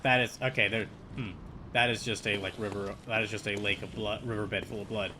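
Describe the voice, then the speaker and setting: A man's voice: on the low side, level tone, fairly quick, noisy background. A man streaming live gameplay, talking through what he sees with many restarts and fillers and reading out chat messages.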